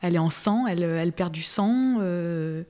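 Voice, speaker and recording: Young woman, podcast guest, personal testimony, hesitant, lots of fillers, halting and emotional. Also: on the low side, a little mellow. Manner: hesitant, many fillers and restarts. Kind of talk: personal testimony, casual conversation.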